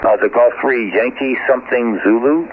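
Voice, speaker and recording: A man's voice: mid-range voice, normal speed. A man working as an amateur radio operator, making a ham radio call and spelling call signs in the phonetic alphabet with many fillers. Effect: shortwave radio transmission. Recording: tinny radio band with faint static.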